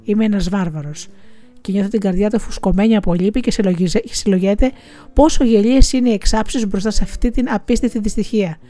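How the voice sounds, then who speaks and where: A woman reads as an ashamed young man apologizing earnestly in an audiobook. The tone is mellow and dark, and faint music sits behind it. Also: mid-range voice, lightly acted.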